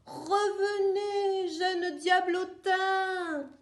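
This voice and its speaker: A fussing mother hen from a children's storybook, as a woman puts her on, with a piercing, high-pitched call. Her cries come out loud and insistent and ring through a roomy, echoing space. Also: steady tone, drawn-out words, heavily acted. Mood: scolding cries. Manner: high, shrill scolding cries. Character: fretful mother hen chasing her eggs. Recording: roomy echo.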